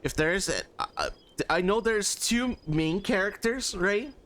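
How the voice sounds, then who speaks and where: Brief: upbeat male streamer, rambling and stammering, slightly high and very lively. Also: measured pace. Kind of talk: casual chat.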